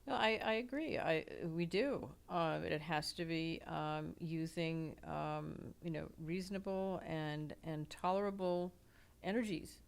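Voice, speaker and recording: Low-voiced woman, hesitant and halting. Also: gravelly. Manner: hesitant, many fillers and restarts. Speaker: podcast guest. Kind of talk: casual conversation.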